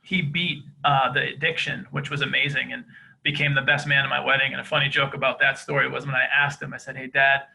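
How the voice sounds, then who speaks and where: A man from East Boston with a softened Boston accent, telling his life story earnestly in a podcast interview. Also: medium pitch, little pitch movement, fast talker, creaky, slight background noise, poor audio. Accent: Boston, softened by years in Georgia. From East Boston, Massachusetts. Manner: earnest, open, many fillers. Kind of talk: candid conversational interview.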